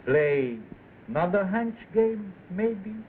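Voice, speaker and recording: A very old, evasive shopkeeper speaks broken English, his pitch lively and jumpy. It is 1930s film acting in clipped phrases. The soundtrack is thin and noisy. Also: slow, phone-quality sound. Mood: stubbornly evasive. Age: older. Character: very old, evasive Chinese herb seller.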